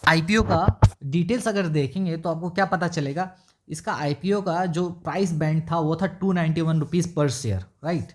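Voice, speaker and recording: A man talks through a company's stock figures in a relaxed, conversational way. He reads numbers slowly off a screen, with filler pauses. He keeps checking that the listener is following. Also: fairly high pitch. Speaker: stock market YouTuber. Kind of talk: casual explanatory stock analysis with screen share.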